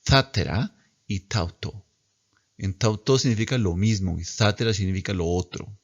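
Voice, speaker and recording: A man teaching a class in a slow, patient way, repeating words for students to copy. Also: lowish voice, lo-fi sound. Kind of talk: recorded lecture.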